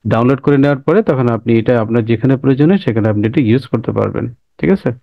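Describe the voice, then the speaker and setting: A man teaches a software class over a screen recording, repeating steps and often checking that listeners follow. His voice is gravelly and he talks fast. The sound is dry and dull. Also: medium pitch, no echo. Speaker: instructor.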